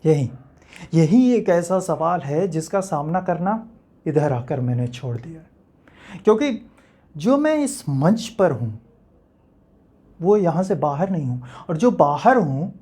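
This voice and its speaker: In a stage monologue, an actor plays an enigmatic man whose voice sits at mid-pitch for a male or slightly higher. Philosophical and uncertain, he poses rhetorical questions to the audience in a reflective, heavily acted delivery with deliberate pauses, lively intonation, and a dark, slightly rough tone. The mood is brooding and questioning.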